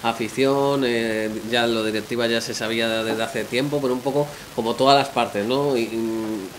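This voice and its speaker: Flat-toned man hosting a table talk. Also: medium pitch, moderate pace, a little hiss or hum. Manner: questioning, lots of fillers and tag questions. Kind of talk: casual panel discussion. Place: restaurant dining room, indoors.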